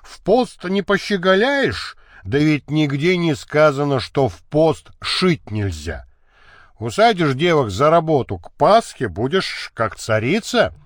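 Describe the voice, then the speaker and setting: A man's voice: fairly high pitch, big pitch swings, a little slow, no room sound, studio quality. A man reading an audiobook, voicing a boastful nobleman back from a night of gambling, hearty and bragging.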